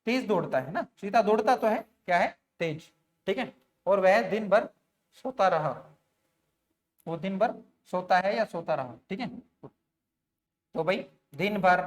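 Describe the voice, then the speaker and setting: A man teaching an online grammar lesson, explaining step by step and often putting questions to his students, with frequent fillers. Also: sits high. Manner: sprinkles fillers like "theek hai" and "bhai".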